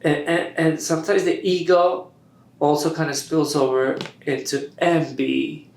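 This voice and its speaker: A man's voice: a little high, flat delivery, measured pace, gravelly. A man talking as a guest on a casual podcast, emphatic and repeating key words, often laughing. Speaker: podcast guest, business owner. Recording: roomy echoey room.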